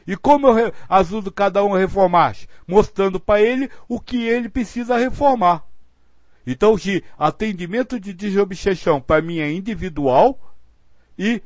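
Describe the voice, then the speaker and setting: A man with a high-pitched voice, recorded dry, gives earnest spiritual guidance in a teaching talk. He explains his points patiently and acts out example phrasings.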